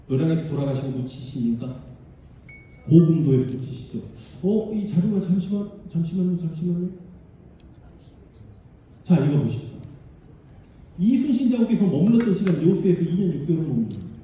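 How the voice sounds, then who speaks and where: Male history lecturer, lively and emphatic, dark voice, heard from afar in a booming hall. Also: brisk, pauses often. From Korea, Honam region. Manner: animated, emphatic, chatty with the audience. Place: large civic auditorium. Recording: distant, very echoey hall sound.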